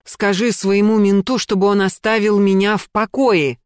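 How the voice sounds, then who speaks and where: A woman reading an audiobook, voicing a furious, paranoid man who shouts accusations. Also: high-pitched, level tone, normal speed, clean tone, no echo, clean studio sound, close to an everyday voice. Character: furious paranoid ex-husband, middle-aged man.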